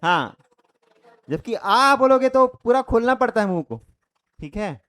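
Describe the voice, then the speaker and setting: High-voiced man teaching a grammar class. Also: expressive, unhurried, a bit bright. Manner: explains step by step with repeated checks; demonstrates sounds by saying them aloud. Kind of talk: online Hindi grammar lesson.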